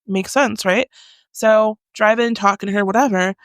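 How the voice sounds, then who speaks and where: In a small studio room, a woman in her forties co-hosts a podcast, chatting casually and telling stories with animation, acting out scenes with loud exclamations. Her mid-range voice holds a steady tone at a moderate pace, with no room sound.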